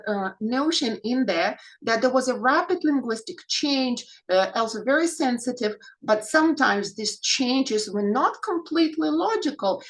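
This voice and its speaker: Female conference presenter, slightly high voice, academic lecture, questioning and hesitant delivery. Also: fairly bright tone, rough recording. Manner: poses rhetorical questions, frequent hesitations.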